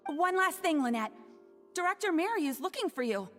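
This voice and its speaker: A polite, cheerful young woman from a video game, her high voice lively and bouncing. A long reverb trails her lines. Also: a little fast, faint music behind, heavily acted.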